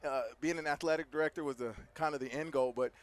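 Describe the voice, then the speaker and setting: A man's voice: on the high side, fairly even intonation, fast. A man in his thirties, an athletic director, out of breath and talking earnestly with many restarts in a halftime interview from a stadium press box. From Hobbs, New Mexico.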